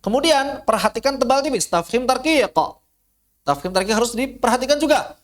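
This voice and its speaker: A man's voice: very high voice, expressive. Indonesian man teaching Quran recitation. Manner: demonstrates sounds with drawn-out syllables, asks and answers his own questions; casual, mutters to himself while fixing slides. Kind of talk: online tajwid lesson.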